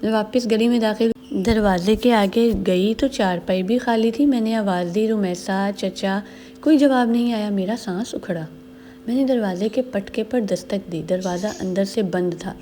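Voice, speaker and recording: Mellow-voiced woman narrating a story. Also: medium pitch, faint music behind. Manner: measured, earnest storytelling. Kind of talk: scripted first-person story narration.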